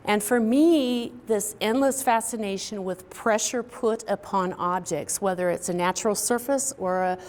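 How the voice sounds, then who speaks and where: A middle-aged woman from Kansas, a quilt artist, talking reflectively about her work in a recorded artist talk, with pauses and fillers. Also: medium pitch, a little mellow. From Kansas, US Midwest. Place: indoor studio, quilt hanging behind her.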